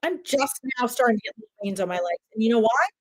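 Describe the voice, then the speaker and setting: Brief: woman, 50s, higher voice, chatty psychic medium on a live stream, dry close sound. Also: quick pace, no echo, rough recording. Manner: chatty, animated, talks straight to viewers. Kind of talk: live-stream reading, addressing viewers.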